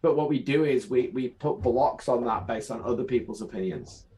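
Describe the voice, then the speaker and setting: A man's voice: mid-range voice, normal speed, warm tone, low-quality recording. A man as an interview guest, talking earnestly with rhetorical questions and acted-out inner voices, heard over a remote call. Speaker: guest coach. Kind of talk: reflective interview talk.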